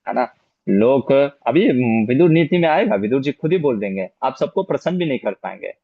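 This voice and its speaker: A man's voice: mid-range voice, sing-song, brisk, creaky, breathy edge, dry recording. Guy teaching a scripture class, patient, explains stuff, dull dry online audio. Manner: patient, explanatory, repeats key points with rhetorical "है ना?". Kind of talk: Q&A after a scripture lecture.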